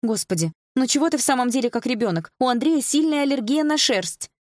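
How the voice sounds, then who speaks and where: A woman voicing a sharp, reproachful middle-aged mother in an audiobook. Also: lively intonation, brisk, no room sound, studio quality. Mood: scolding. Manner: shrill and reproachful.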